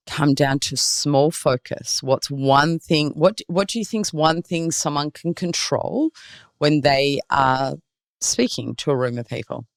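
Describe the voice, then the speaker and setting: A woman working as a performance mindset coach, explaining ideas in an animated way in a podcast interview. She asks guiding questions and acts out anxious inner voices. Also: low voice, a little slow, dry recording, studio quality.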